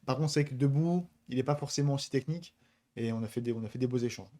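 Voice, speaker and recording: Fast-talking man with a lisp. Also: medium pitch, dark tone. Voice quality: lisp, slushy s sounds. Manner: stammers at times. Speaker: co-host of a combat sports stream. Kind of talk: casual live-stream chat.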